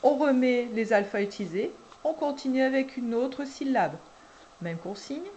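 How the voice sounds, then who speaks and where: A woman preschool teacher guiding parents through a syllable dictation, speaking slowly and deliberately and drawing out each syllable. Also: high voice, animated, a little mellow, dull audio, a little hiss or hum. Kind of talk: instructional video for parents.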